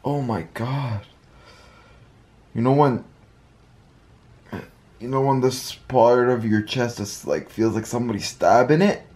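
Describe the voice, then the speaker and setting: A man's voice: medium pitch, slow pace, pauses often, a little mellow, slightly rough. A man in his twenties chatting casually as a reaction vlogger, slangy and laid-back. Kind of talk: casual reaction vlog chat. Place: bedroom, reclining on a bed.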